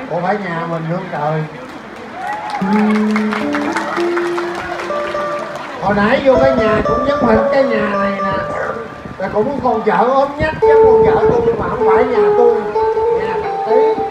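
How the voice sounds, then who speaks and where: A man's voice: high-pitched, far from the mic. A man playing a drunk grown son who sneers at his mother. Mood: drunk rambling. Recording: roomy, muffled stage recording with loud crowd and music.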